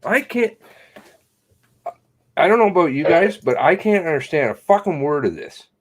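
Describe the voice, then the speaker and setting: A man's voice: fairly high pitch, expressive, moderate pace. A man in casual reaction chat, with a blunt, puzzled way of talking.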